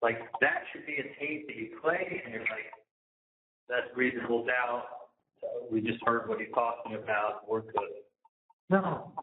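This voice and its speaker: A man's voice: mid-range voice, measured pace, slight background noise. Man on a prison phone, indignant, swearing, tinny line, echoey. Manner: agitated, indignant, repetitive, swearing. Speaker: inmate calling his mother. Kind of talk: phone conversation. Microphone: prison phone handset.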